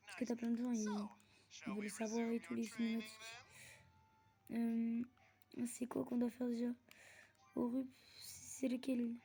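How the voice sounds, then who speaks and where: A woman giving casual gameplay commentary, chatty and prone to excited yelps while she plays, recorded on a phone. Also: fairly high pitch, measured pace, creaky, long pauses. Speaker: gamer.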